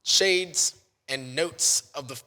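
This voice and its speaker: An American man chatting casually as an interview guest, effusive and quick to poke fun at himself. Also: a little high, pushed and bright. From Kansas City, United States. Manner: self-deprecating, effusive. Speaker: interview guest, sports stadium host and hype man. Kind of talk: casual chat. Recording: long hall-like reverb on voice.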